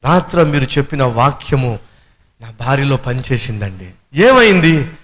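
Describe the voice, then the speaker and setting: A man with a Telugu accent preaching a sermon as a pastor, animated, with rhetorical questions and acted-out quotes. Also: medium pitch, a little slow.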